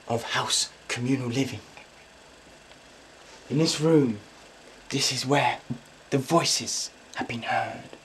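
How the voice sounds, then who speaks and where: A man playing an earnest, overeager ghost-hunt TV presenter in a mock documentary, talking in hushed, solemn tones. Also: mid-range voice, a little hiss or hum, low-quality recording. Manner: solemn hushed narration turning to eager questions.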